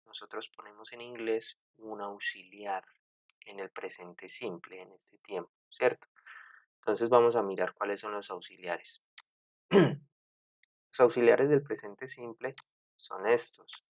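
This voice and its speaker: A man teaching an English grammar lesson, speaking deliberately with frequent fillers, self-corrections and checks with the class. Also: fairly low pitch, fairly even intonation, no room sound. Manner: deliberate, repeats points and checks with "¿cierto?".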